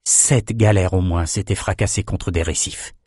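A man reading a fantasy novel aloud as an audiobook narrator, in a steady, measured way. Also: low-pitched, breathy edge, no room sound, clean studio sound. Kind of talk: scripted narration.

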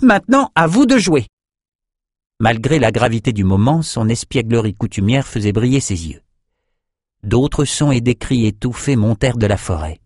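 A man narrating a fantasy audiobook in a steady, even storytelling manner. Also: mid-range voice, moderate pace, husky, dry recording, studio quality. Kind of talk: scripted narration.

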